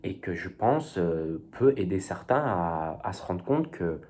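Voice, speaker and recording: Deep-voiced young man, rambling casual talk. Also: very animated, measured pace, mellow. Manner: rambling and hesitant, youthful slang, many fillers. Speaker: vlogger.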